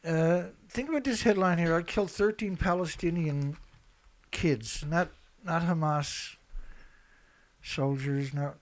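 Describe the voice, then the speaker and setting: A man who is an online commentator and activist host reads headlines and reacts on what sounds like an unscripted online show. His slightly high voice moves slowly, and he's blunt, colloquial, and emphatic, hammering points home by repeating them.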